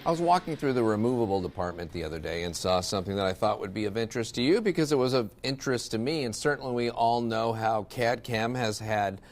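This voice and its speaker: A middle-aged man, a dentist, walking through a hands-on demonstration in a relaxed, explanatory way with some fillers. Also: lowish voice, quick pace, few pauses, a little hiss or hum. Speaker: dentist and dental lab presenter. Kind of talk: instructional demo talk.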